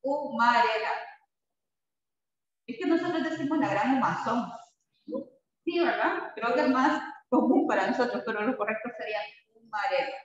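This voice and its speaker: A man's voice: very high-pitched, expressive, moderate pace, a bit bright. A man teaching a spelling lesson to a class, patient and checking in with frequent tag questions. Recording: echoey classroom, far from the mic, dull.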